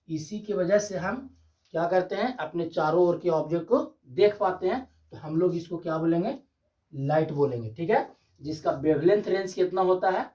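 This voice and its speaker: A man teaching a physics class, asking and answering his own questions and slowly dictating definitions. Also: fairly high pitch, a little mellow. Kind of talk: classroom lecture. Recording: dull distant classroom recording.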